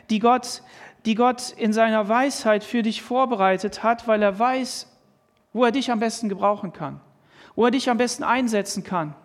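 A man preaching a sermon, earnestly reading and explaining Bible verses and asking pointed questions. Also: very high voice. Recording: long hall reverb.

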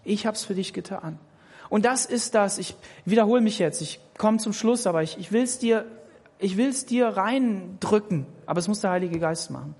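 With lively intonation and normal speed, this preacher's slightly mellow, middle-range voice echoes with long reverb in a large church hall. His emphatic sermon speaks directly to each listener, repeating words to reinforce a point.

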